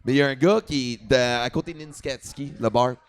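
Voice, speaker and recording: A man's voice: mid-range voice, brisk. A young adult man with a Quebec French accent, a comedian telling a story casually, swearing freely and mixing in English. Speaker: comedian guest. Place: podcast studio at a comedy festival.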